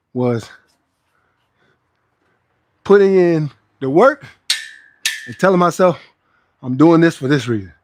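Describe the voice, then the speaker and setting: A man's voice: on the high side, darkish tone, no room sound. A man who works as a fitness trainer, chatting casually and emphatically to livestream viewers between sets of pull-ups, repeating phrases for stress. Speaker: fitness trainer hosting a live workout stream. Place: outdoors under a roof.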